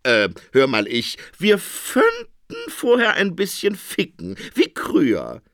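A man's voice: sits high, huge pitch swings, slow pace, fairly bright tone, no echo, studio quality, pitched above the performer's own voice, exaggerated voice. A man voicing a henpecked, whiny king in a comic story, sighing and flustered, with a lisping swap of sounds.

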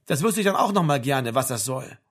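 Guy doing chill young dude, dry and low-key, bit husky. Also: animated, a little fast. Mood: dry, wry. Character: laconic, reserved young man.

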